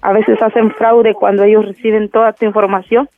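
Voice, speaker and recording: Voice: medium pitch, little pitch movement, fairly quick. A caller asking questions on a radio show, hesitant and searching for words, over a phone line. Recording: tinny phone line with faint music.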